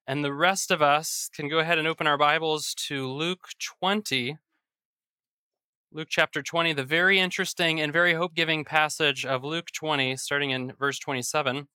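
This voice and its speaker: A pastor preaching a sermon at a pulpit microphone in a church, reading scripture and praying in a measured, earnest way. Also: medium pitch, sharp tone, smooth, no echo, studio quality. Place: church sanctuary.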